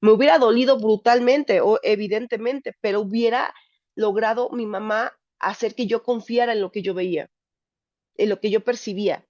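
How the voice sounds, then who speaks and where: A woman's voice: on the high side, normal speed, darkish tone, no room sound. A woman psychologist giving a candid, emphatic personal talk to a support group. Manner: candid, emphatic, frank language. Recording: dull dry lo-fi recording.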